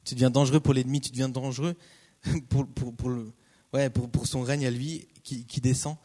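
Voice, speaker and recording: A man preaching a casual, conversational sermon, repeating key phrases and breaking off into lively asides. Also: mid-range voice, normal speed. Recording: long hall reverb.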